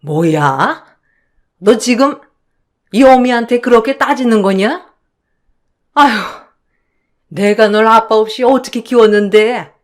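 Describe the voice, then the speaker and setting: A woman voicing an older mother-in-law who scolds and rants, in a radio drama. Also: fairly high pitch. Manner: scolding, shouting, self-pitying sighs.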